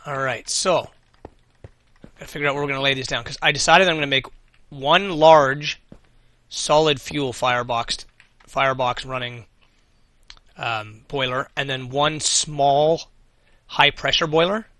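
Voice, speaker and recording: Hosting a let's play, a man comments casually on his game, thinking through his plans under his breath and tossing out swears when things go badly. His bright, forceful voice is medium-pitched and fading, he talks a little slowly, and there's no room sound.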